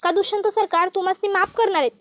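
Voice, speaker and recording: A woman's voice: very high voice, steady tone, fast talker, fairly bright tone, a little hiss or hum. A woman doing a pleading young daughter-in-law. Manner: pleading, reasoning.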